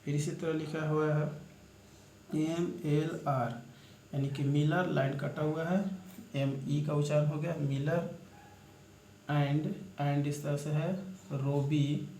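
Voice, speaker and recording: A man's voice: on the high side, flat delivery, takes it slowly, pauses often, warm tone. A man teaching shorthand, spelling out letters one by one in a step-by-step lesson. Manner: spells out letters one by one, addresses viewers as friends. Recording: echoey room with faint background noise.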